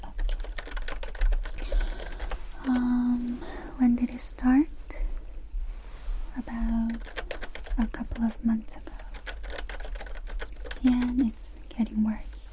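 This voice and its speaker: Woman whispering super slow asmr clinic roleplay, dark mellow tone, barely any lift in her voice. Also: fairly high pitch, slight background noise, poor audio. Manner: soft unvoiced whisper, gentle and slow. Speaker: ASMR creator playing a clinician. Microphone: close sensitive mic.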